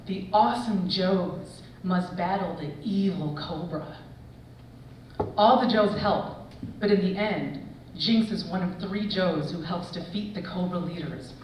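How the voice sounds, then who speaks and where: Woman, forties, reading her essay aloud, lively storyteller, echoey hall, sounds far from the mic. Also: lowish voice, slight background noise. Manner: expressive storytelling with laughs. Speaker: assistant professor of English.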